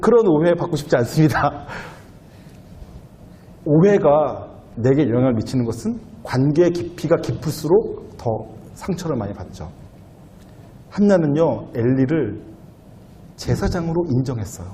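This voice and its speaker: A man's voice: fairly high pitch, sing-song, normal speed, pauses often, dark tone, a little hiss or hum. A young adult male pastor giving a sermon in a conversational way, asking the listeners questions and acting out quoted lines in a raised voice. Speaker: youth pastor.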